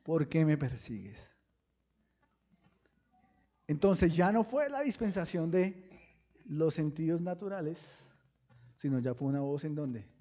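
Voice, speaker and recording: A pastor preaching a sermon, firing questions at the congregation and breaking into sudden loud bursts. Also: male voice, fairly high pitch, expressive, measured pace, muffled recording. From Colombia.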